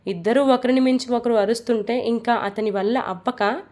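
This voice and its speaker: A woman narrating a romance storybook in a plain, steady reading voice. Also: on the high side, normal speed.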